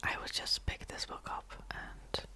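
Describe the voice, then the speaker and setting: Whispering slowly and softly without voice, a Czech ASMR creator whose first language is Czech rambles through the wrap-up of her reading, punctuated by small laughs.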